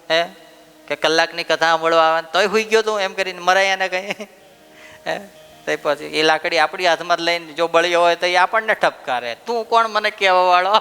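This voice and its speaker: A male preacher telling a story in a lively sermon, full of rhetorical questions to the audience. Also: fairly high pitch, clean tone, long reverb tail. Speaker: preacher giving a religious discourse.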